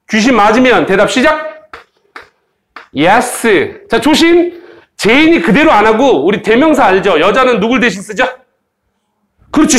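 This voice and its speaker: A man teaching an English grammar lesson in Korean, playful and joking with students, slowly modeling English phrases for them to repeat. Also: high voice, fairly bright tone. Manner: playful, joking, teasing students, sound effects. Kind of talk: lively recorded grammar lecture.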